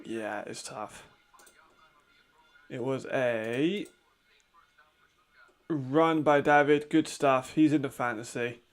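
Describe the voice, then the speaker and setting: This watch-along host has hay fever, and his raspy, medium-pitched voice moves slowly with frequent pauses. He keeps the live commentary casual, chatting and laughing a lot.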